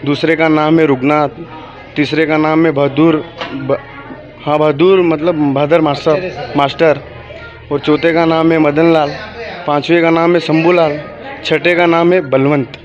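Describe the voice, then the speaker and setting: A man from a village telling an interviewer about an attack, halting and repeating himself. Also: fairly high pitch, flat delivery, music in the background. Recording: muffled lo-fi sound.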